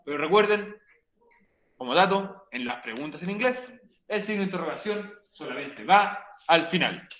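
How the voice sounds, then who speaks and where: A high, bright male teacher explains grammar to his online class, teasing students and repeating each rule. The sound is roomy, with a dull, lo-fi stream quality. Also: animated, moderate pace. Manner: playful, joking with students; repeats key points for the class. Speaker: English teacher.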